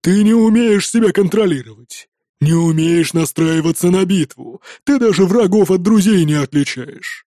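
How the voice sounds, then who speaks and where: A man voicing a burly, mocking male warrior teacher with a deep bass voice, gruff and slow. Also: dark tone, dry recording, clean studio sound, lightly acted.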